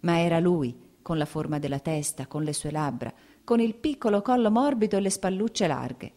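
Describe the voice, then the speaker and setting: A woman reading a novel aloud as an audiobook narrator, in measured, expressive storytelling. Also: fairly low pitch.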